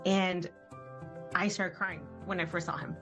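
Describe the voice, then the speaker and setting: A woman who adopts a dog, speaking in a heartfelt, halting way in a news interview, with many fillers. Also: fairly low pitch, level tone. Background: background music.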